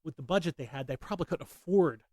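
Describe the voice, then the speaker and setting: A man's voice: on the high side, fast talker, mellow, no room sound. A man hosting a casual movie commentary, rambling with many fillers and restarts. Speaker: podcast host.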